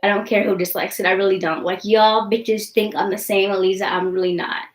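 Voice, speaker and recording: A woman's voice: medium pitch, flat delivery, a little fast, echoey room, low-quality recording. A young woman vlogger in casual live-stream chat, blunt and defiant, swearing freely and rambling with many likes and ums.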